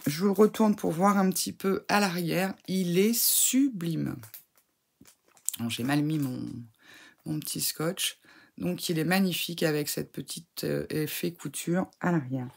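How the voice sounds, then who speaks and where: A woman who is ill talks to camera in a relaxed, chatty way, full of fillers and eager praise. Her voice sits low and sounds rough and fry-laden, with a breathy huskiness from her cold. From France. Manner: enthusiastic, chatty, many fillers and gushing praise. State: sick, voice affected. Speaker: scrapbooking crafter reviewing a subscription box. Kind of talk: casual unboxing chat to camera.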